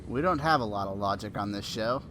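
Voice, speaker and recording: A man's voice: on the low side, animated, fairly quick, sharp tone, slight background noise. A man co-hosting a live-stream podcast, chatting casually and joking, often trailing off mid-sentence. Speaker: podcast co-host.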